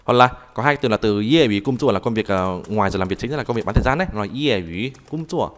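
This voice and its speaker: A man teaching a live online language class, talking haltingly and repeating words as he types and explains. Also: fairly low pitch, lively intonation, fairly bright tone. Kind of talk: live online tutoring session.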